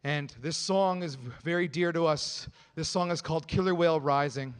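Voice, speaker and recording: A man with a slightly high voice stands at a stage microphone, introducing each dance in an earnest, explanatory way and pausing between phrases. His words ring out with the long reverb of a large festival venue. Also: clear, resonant tone. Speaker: dance group leader. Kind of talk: emcee announcing dances on stage.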